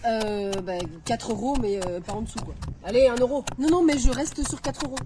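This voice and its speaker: High-voiced woman in comedy sketches. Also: steady tone, a little fast, background noise. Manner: chatty, haggling back and forth.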